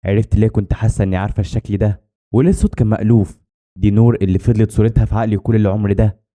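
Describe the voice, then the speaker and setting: A man with an Egyptian accent reads a scripted first-person horror tale at a rapid clip. His voice is dark and mellow and sits a little low. He keeps a dramatic storytelling manner throughout. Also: fairly even intonation. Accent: Egyptian Arabic.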